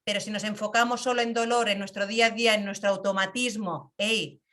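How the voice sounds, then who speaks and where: A middle-aged woman with a Spanish accent from Spain teaching a reflective talk on emotions, slow and thoughtful, sometimes acting out quoted dialogue. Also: mid-range voice, steady tone, a bit bright.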